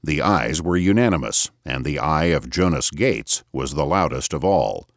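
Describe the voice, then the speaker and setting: A man narrating a novel as an audiobook in a measured, expressive reading. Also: very deep voice, no echo, clean studio sound.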